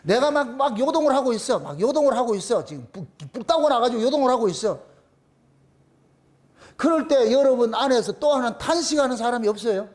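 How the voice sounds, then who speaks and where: A man's voice: extremely high pitch, animated, fairly quick, darkish tone. A man with a Gyeongsang accent preaching a sermon as pastor, emphatic and repetitive, asking the congregation questions and answering them himself. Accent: Gyeongsang Korean. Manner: repeats phrases for emphasis.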